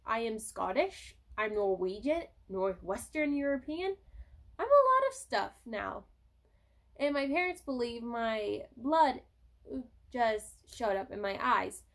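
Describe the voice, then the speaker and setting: A woman's voice: a little high, sing-song, takes it slowly, a bit bright. A young woman vlogging to camera on her phone, chatting in a rambling, casual way with the odd swear word. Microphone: cell phone.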